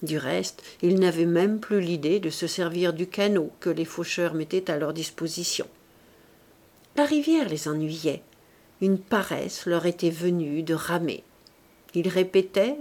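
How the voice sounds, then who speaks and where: Slow, measured female audiobook narrator. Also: fairly low pitch. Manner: measured, expressive storytelling. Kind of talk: literary audiobook reading.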